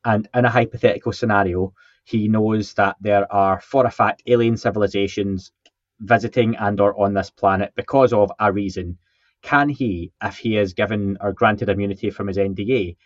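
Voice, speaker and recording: A man's voice: fairly low pitch, no echo. Joking man on a muffled mic. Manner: joking, self-deprecating, repeats words when starting. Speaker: podcast co-host. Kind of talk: casual podcast chat, reading listener comments. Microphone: podcast microphone with a faulty setup. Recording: dull, muffled mic sound.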